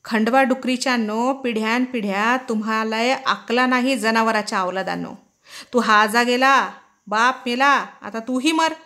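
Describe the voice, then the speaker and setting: A cruel, contemptuous village moneylender hollers and sneers in coarse rustic speech, as a woman puts him on in a story reading. The voice runs high and loud, heavy with scorn. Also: measured pace. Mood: abusive. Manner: shouting, contemptuous, rustic dialect. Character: harsh abusive male village moneylender.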